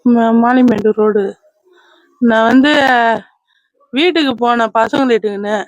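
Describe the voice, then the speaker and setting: A woman's voice: a little high, measured pace, dry recording. A woman, crying as she tells a reporter about being robbed, in a wailing, repetitive lament. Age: 50s. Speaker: robbery victim interviewed by a reporter. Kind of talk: emotional street interview.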